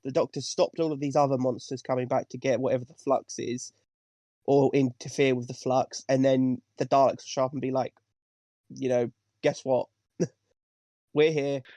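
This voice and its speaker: A man's voice: mid-range voice, level tone, a little fast, dark tone, no room sound. A young man on a podcast panel, teasing and playful in casual chat. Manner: teasing, playful, mock-outraged.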